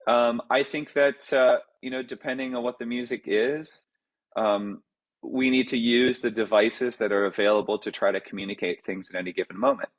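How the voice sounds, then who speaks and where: A man's voice: mid-range voice, normal speed, rough recording. A man, a composer, answers audience questions in a casual talk, thinking aloud with many fillers and restarts. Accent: American.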